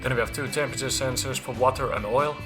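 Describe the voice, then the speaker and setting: A man's voice: medium pitch, fast talker, music in the background. A man with a Finnish accent, a native Finnish speaker, talking in an informal, offhand vlog style with the odd swear word. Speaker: car hobbyist video host. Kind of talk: casual vlog talk. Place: in a car on a parking lot.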